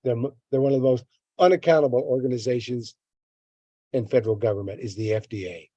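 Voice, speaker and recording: Older man with a dark, dry voice. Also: medium pitch, steady tone, fast, dry recording, dull audio. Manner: repeats words, rants at length against a government agency. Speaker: health educator. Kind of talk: reading a text and adding comments.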